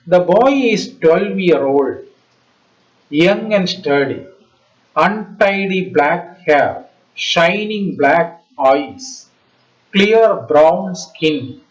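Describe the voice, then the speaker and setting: A male school teacher with a Malayalam Indian English accent gives a didactic lesson to schoolchildren in short halting phrases, often asking questions. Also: on the high side. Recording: slightly dull lo-fi audio.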